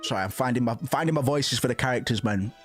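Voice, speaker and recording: A man's voice: mid-range voice, quick pace. A man streaming a game, giving casual, profane commentary between bits of voiced dialogue. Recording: faint music behind voice.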